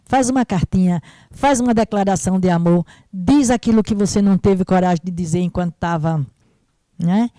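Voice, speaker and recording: Conversational woman counselor, mellow voice. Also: fairly low pitch, dry recording. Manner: warm, conversational, repeats "né?" and "certo?". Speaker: mental health professional. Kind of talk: live-stream Q&A answer.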